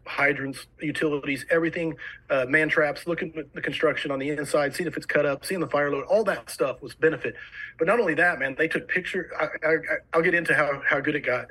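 A man's voice: on the high side, pushed and bright, slightly rough, low-quality recording. A man with a New Jersey accent, a fire service instructor eagerly telling stories as a podcast guest. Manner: eager, rapid storytelling. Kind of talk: casual podcast conversation.

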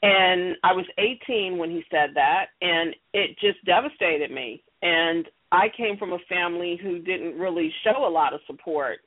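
Heard through a thin, tinny phone connection, this middle-aged interview guest, an audio theater creator, shares personal stories in an unhurried, lowish voice with few pauses. Her conversational manner is earnest, emphatic, and encouraging.

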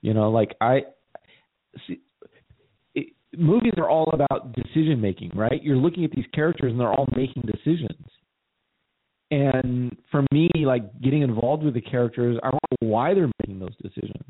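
A man's voice: medium pitch, moderate pace, breathy edge. Rambling man co-host on phone-quality audio. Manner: rambling, repeats words while thinking aloud. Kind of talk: casual conversation.

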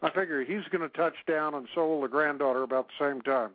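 A man's voice: fairly high pitch, quick pace, no echo. A middle-aged man from Texas chatting casually as a caller on a phone-in show. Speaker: phone-in caller, regional coordinator. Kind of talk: casual chat. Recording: dull lo-fi phone line.

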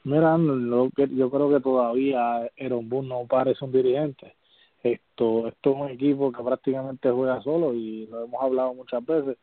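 A man co-hosting a casual sports podcast, giving calm, measured analysis. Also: medium pitch, no room sound. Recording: tinny phone-like audio.

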